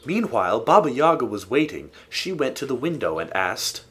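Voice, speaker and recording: A man reads a folk tale aloud in a steady, expressive way. His voice is slightly husky, and his pitch moves a lot as he tells the story. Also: moderate pace. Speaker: narrator. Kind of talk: storybook narration.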